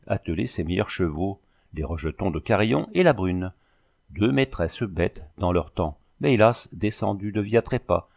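A man narrating a novel as an audiobook in a measured storytelling manner. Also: low voice, gravelly, a little mellow. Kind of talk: scripted narration.

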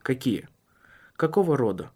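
A calm, tactful husband who probes gently but won't let a question drop, in a storybook reading, as a male reader voices him. His tone stays measured and earnest, at a mid pitch. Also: husky. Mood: earnest, probing.

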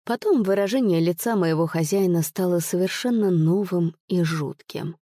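A woman narrating an audiobook in an expressive, measured storytelling manner. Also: on the low side, dry recording, clean studio sound. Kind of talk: audiobook reading.

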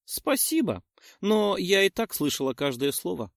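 A sly fairy queen speaks with a mocking, self-satisfied air, as a man raises his voice to play her in an audiobook. Her lines rise and fall with lively pitch. The recording is close and dry. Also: moderate pace, gravelly, no echo, exaggerated voice. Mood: amused, scheming. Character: proud scheming woman, queen of summer.

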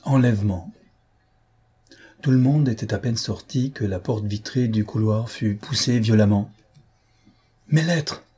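A man reads a classic novel aloud in measured, dramatic audiobook narration. His voice sits low and dark, with a husky, slightly breathy texture. The delivery is paced and deliberate. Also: fairly even intonation.

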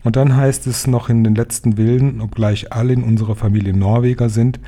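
A man voicing a serious, protective old grandmother who smokes cigars, speaking calmly and earnestly. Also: mid-range voice, fairly quick, natural voice.

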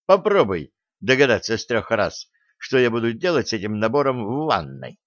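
A man's voice: mid-range voice, sing-song, moderate pace, no echo, highs cut off, lightly acted. A man voicing a young female elf who talks in a languid, scheming way. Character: dreamy young female elf, mistress of the cat.

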